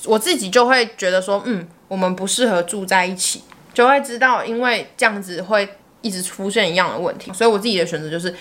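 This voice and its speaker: A woman's voice: medium pitch, fast, a bit bright. A woman, co-hosting a casual podcast chat as a daughter and speaking frankly and thoughtfully. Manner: frank and reflective.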